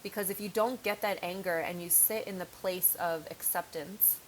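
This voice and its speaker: Woman tarot reader, frank and chatty, lower voice, scratchy throat, light hiss on the track. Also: steady tone, normal speed. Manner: chatty, frank, thinks aloud with fillers. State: slightly sore throat, coughing. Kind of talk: casual tarot reading to camera.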